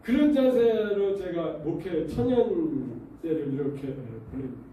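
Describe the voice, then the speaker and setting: A man preaches in a very dark, mellow voice, pitched a little high for a man. He keeps the congregation involved with stories and rhetorical questions. The sound is a very echoey church hall, with his voice picked up from some distance away from the mic. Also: very animated, measured pace. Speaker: pastor. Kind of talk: sermon. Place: church sanctuary.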